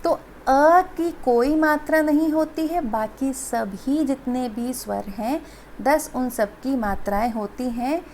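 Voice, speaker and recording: Female teacher, high voice, slow unhurried delivery, faint background hiss, patient classroom explaining. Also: a little mellow. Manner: patient, repeats and asks children if they understood. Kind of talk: classroom Hindi lesson.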